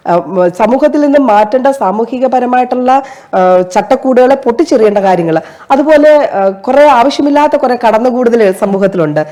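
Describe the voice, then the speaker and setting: A woman's voice: a little high, lively intonation, fairly quick, warm tone. A woman actress as an interview guest, explaining earnestly and at length with fillers and restarts. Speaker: guest, stage and television actress. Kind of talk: casual interview chat.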